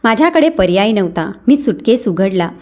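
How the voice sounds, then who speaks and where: A woman narrating a first-person story in a plain, steady reading voice. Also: mid-range voice, fairly quick.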